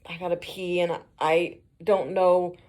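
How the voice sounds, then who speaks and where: A woman's voice: fairly low pitch, level tone, measured pace, a little mellow. A woman who works as a mail carrier, telling casual stories for her vlog, swearing, laughing often and acting out the voices of the people she quotes.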